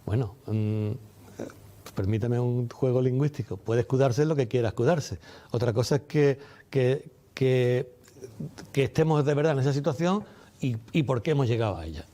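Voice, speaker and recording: A man giving measured, didactic interview answers, repeating key phrases for emphasis. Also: mid-range voice, warm tone. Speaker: doctor and medical representative being interviewed.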